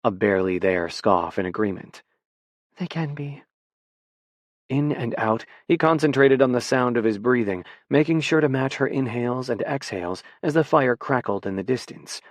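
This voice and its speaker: A man reading an audiobook in a measured, even scripted narration. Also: mid-range voice, no room sound.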